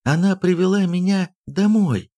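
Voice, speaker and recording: A man's voice: on the high side, normal speed, creaky, darkish tone, pitched above the performer's own voice. A man voicing a small princess girl who is frightened but defiant. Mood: desperate.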